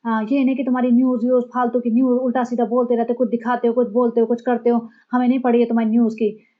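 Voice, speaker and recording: A woman's voice: a little high, flat delivery, quick pace, lightly acted. A sulking older mother-in-law rattles off indignant complaints, as a woman mimics her. The recording is dull and lo-fi.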